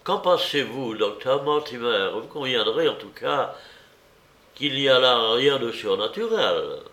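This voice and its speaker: Reader playing a puzzled young gentleman, pressing questions, slow pace, echoey room. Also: medium pitch, big pitch swings, exaggerated voice.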